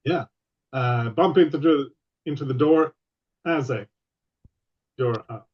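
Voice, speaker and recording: Guy gm on a voice call, kinda dull lo-fi audio, patient halting rule explainer. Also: a little high, husky. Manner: explains rules patiently with many pauses. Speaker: game master. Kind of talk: running a tabletop game online.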